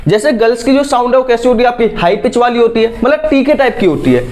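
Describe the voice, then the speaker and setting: A man's voice: very high voice, expressive, fast talker, darkish tone. A man teaching a science lesson, constantly asking his students questions and answering them himself. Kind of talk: classroom lecture.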